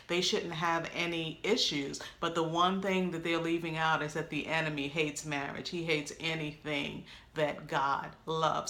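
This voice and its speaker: A middle-aged woman speaks to the camera in a slightly low voice. She tells her own testimony as a co-pastor, leaning hard on key words and briefly acting out the voices she quotes. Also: pushed and bright. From New York. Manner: emphatic storyteller who acts out quoted lines.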